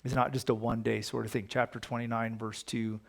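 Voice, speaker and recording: A man's voice: medium pitch, little pitch movement, fairly quick, creaky. A man leading a casual Bible study, talking conversationally and reading scripture aloud with emphasis. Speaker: pastor.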